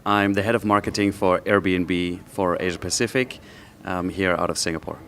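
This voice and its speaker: A man answering interview questions as a marketing executive on a judging panel, speaking in a measured way with occasional fillers. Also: deep voice, steady tone, fairly bright tone, a little hiss or hum.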